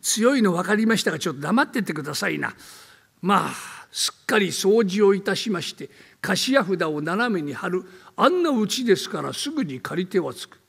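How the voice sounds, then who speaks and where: A meek old landlord speaks in a lowered, deferential voice and spins eerie tales at a slow crawl, as an older man acts him out in comic storytelling. A raspy edge carries into the long reverb of a theater hall. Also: big pitch swings, fairly bright tone, heavily acted. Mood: timid. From Tokyo. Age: 70s. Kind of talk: rakugo storytelling.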